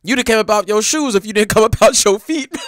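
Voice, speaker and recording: A man hosting a reaction video, talking in excitable slang and laughing often. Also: high-pitched, fast talker, a little hiss or hum. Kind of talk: casual reaction commentary.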